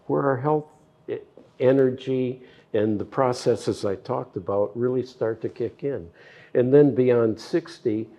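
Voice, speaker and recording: An older male physician explains health science in an interview, laying out each point with plain analogies. He speaks in an unhurried, measured way, and his voice has a dark, mellow tone. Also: lowish voice, dull audio. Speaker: physician guest.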